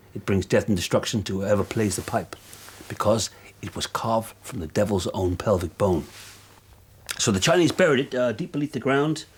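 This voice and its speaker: A deadpan, self-important rock star. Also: male voice, fairly low pitch, slightly rough. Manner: deadpan, rambling with fillers. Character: vain, oblivious middle-aged male rock musician. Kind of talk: mockumentary monologue.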